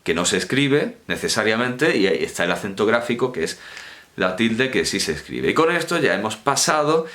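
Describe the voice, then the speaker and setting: A fairly low-voiced man lectures on grammar in a loose, chatty way. His pitch swings widely as he stresses words, doubles back to correct himself and repeats key terms. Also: big pitch swings, normal speed, a bit bright. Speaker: university lecturer. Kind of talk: informal university lecture.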